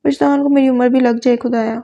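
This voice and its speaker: Brief: a woman playing a young woman begging God for mercy, flat delivery. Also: high-pitched, vocal fry, muffled recording. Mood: pleading. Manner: pleading, prayerful. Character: young woman praying tearfully for her beloved.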